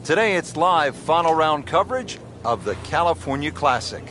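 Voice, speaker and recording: Calling a scripted golf broadcast, a man acts as a composed, admiring television commentator, his voice a little high, fairly bright and animated at a moderate pace. Crowd noise and music play behind him, with slight background noise.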